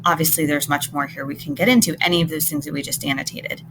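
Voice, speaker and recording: A woman's voice: low-pitched, steady tone, quick pace. A woman teacher talking through a close reading, explaining patiently and thinking aloud with frequent checks of "right?". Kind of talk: recorded classroom lesson, close reading. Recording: noticeable background noise.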